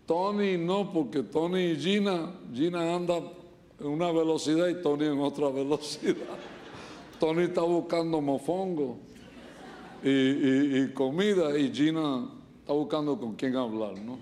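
A middle-aged Puerto Rican man preaches with a fairly high voice, telling jokes and home stories in a Puerto Rican accent. A faint hiss of noise sits under the church recording. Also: darkish tone. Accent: Puerto Rican Spanish. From Puerto Rico. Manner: joking, storytelling, quick asides. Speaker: pastor. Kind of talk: humorous sermon. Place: church service.

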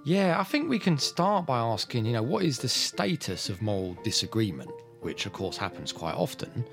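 An Australian man co-hosting a philosophy podcast, talking things through thoughtfully with hedging fillers. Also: fairly low pitch. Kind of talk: conversational philosophy discussion.

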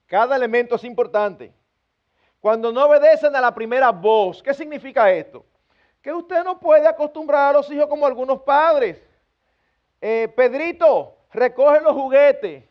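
A man's voice: very high voice, normal speed, muffled recording. A man, a pastor, preaching an earnest sermon to his congregation and acting out everyday family scenes with humor. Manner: earnest, acts out parents scolding children with humor.

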